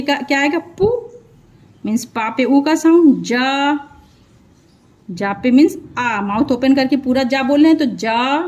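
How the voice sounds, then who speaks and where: Slow, high-voiced woman teaching phonics. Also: a little mellow. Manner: sounds out syllables one by one, repeating words; asks the viewer questions as she teaches. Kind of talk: slow children's phonics lesson.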